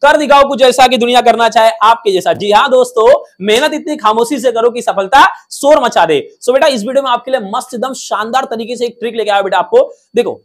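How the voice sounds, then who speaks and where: High-pitched guy teaching class, jokey, keeps asking students questions. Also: brisk, few pauses. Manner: playful, calls students "beta", quizzes with call-and-response questions; jokey, drops rhymes and mnemonics. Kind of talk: energetic classroom lesson.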